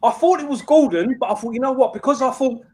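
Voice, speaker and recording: High-pitched matey man. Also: fast talker, darkish tone. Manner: matey, rambling, sweary. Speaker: livestream host. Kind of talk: casual livestream chat.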